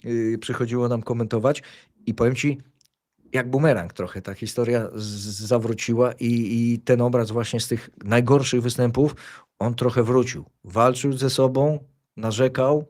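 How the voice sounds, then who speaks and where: A male tennis commentator chatting casually about matches. His voice sits at an ordinary middle pitch. He rambles, restarting his sentences and filling pauses with hesitations. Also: fairly even intonation, darkish tone. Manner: rambling storyteller, many fillers and restarts. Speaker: tennis commentator and show host. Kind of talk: casual sports chat.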